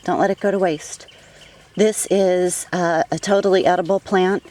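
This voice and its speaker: A woman's voice: lowish voice, steady tone, normal speed, mellow, low-quality recording. A woman in her garden, slightly out of breath, giving chatty practical gardening tips with frequent fillers. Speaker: gardening vlogger. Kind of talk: casual outdoor garden tips. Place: outdoor garden.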